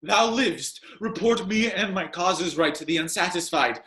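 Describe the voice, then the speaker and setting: Man acting anguished Prince Hamlet, high-pitched and echoing. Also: moderate pace. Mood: dying, sorrowful. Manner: declamatory, swinging from shouts to hushed lines. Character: anguished young prince, dying and vengeful. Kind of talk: Shakespearean stage acting.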